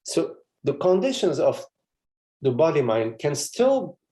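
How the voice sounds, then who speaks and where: A man's voice: a little high, sing-song, unhurried, warm tone. A man, a spiritual teacher, giving a meditative live satsang talk in a meandering, conversational way with frequent chuckles and asides.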